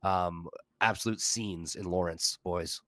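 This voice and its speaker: A man's voice: low-pitched, fairly even intonation, a little slow, a bit bright, dry recording. A man in his twenties with a nasal, sick-sounding voice, co-hosting a casual football talk show in a rambling, joking way. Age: 20s. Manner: rambling, loose and joking, swears. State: sick with a cold. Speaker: co-host.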